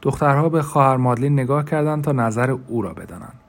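A male narrator reads a novel aloud in a measured, scripted manner. When he reaches dialogue, he moves into a relaxed colloquial register for each character. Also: mid-range voice. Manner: reads quoted speech of several characters in a conversational colloquial register. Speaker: audiobook narrator.

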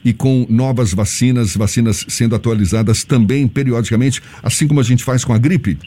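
A man with a Brazilian accent, working as a broadcast interviewer in a polite, measured way. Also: medium pitch, dark tone. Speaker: interviewer, programme host.

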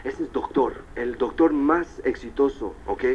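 A man voicing a woman in his story who quietly points out successful people in the crowd. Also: mid-range voice, a little slow, muffled recording, slight background noise, voice pushed down, lightly acted. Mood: confiding.

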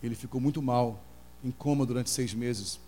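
A middle-aged Brazilian man preaching a sermon as pastor, telling an emotional story and crying out in high voices as he acts out the people in it. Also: normal speed, mellow. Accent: Brazilian Portuguese. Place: church hall. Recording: long hall reverb, faint hum.

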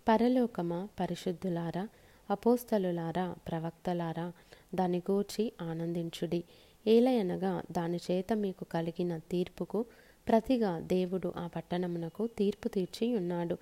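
Dark-voiced woman reading scripture solemnly. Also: fairly low pitch. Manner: measured, solemn phrasing in short pauses. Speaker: scripture reader.

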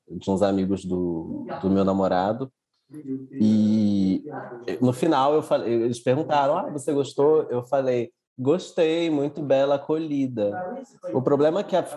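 A man chatting as a podcast guest, his voice dark and mellow. He tells anecdotes at an easy, conversational pace and grows animated when retelling them. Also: medium pitch. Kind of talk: casual podcast chat.

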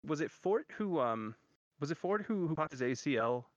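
Male co-host, halting and stammering, muffled dry lo-fi sound. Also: a little high, very animated, dry recording. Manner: hesitant, stammering restarts. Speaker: podcast co-host. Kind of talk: casual sports chat. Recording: dry, dull lo-fi audio.

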